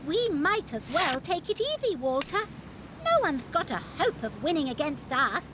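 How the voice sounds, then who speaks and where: A woman's voice: high voice, very animated, moderate pace, background noise. A woman playing a smug, posh little rich girl in a cartoon, haughty and gloating. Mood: complacent. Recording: music behind the dialogue.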